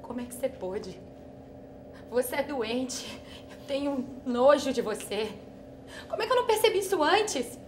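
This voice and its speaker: A woman's voice: high voice, animated, normal speed, pauses often. An actress playing a betrayed young woman, spitting bitter accusations. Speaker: actress in a drama exercise. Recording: echoey room with light noise.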